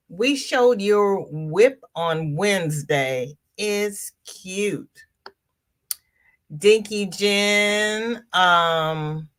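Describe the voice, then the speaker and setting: A woman with a congested, medium-pitched, fairly bright voice hosts a laid-back crafting livestream. Calling out viewers by name, she reads their comments to the audience.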